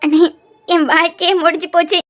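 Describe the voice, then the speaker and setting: A woman's voice: extremely high pitch, level tone, fairly quick, fairly bright tone, pitched above the performer's own voice. A woman voicing a tearful, wronged young woman in a cartoon serial, with a Kanyakumari Tamil accent. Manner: tearful pleading.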